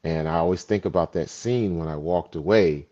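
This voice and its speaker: A man with a very low, deep voice talks through his thoughts in a relaxed chat, building his points slowly with stories. The sound is dull and a bit lo-fi. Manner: reflective, storytelling. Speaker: actor. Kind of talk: casual chat.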